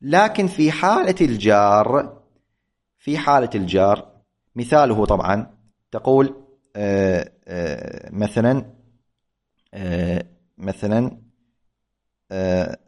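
A man's voice: fairly low pitch, expressive, slow, long pauses. A man teaching a grammar lesson, patiently repeating points and correcting himself aloud. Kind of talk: classroom lecture.

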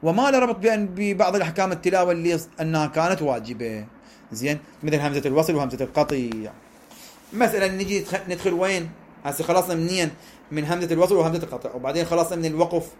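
A man with an Iraqi accent teaching a lesson on the rules of Quran recitation, explaining step by step and often checking in with his listeners. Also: on the high side. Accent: Iraqi Arabic. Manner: explanatory, checks in with listeners, draws out examples slowly. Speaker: religious teacher.

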